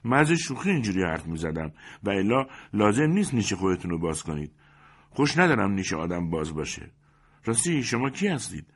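A man voicing a brash, nosy male best man at a wedding, loud and mocking. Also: on the low side, very animated, slightly rough, pitched above the performer's own voice, full character voice. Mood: prying.

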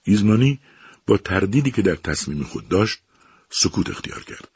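A man narrating a story in a measured, expressive reading. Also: low-pitched, husky, dry recording.

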